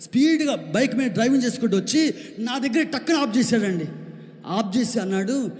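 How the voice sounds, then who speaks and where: An extremely high-pitched pastor from Andhra Pradesh, India, preaches a sermon briskly with lively intonation. He shares a personal testimony and calls out questions to the congregation, building to shouted preaching. A long reverb tail follows his voice.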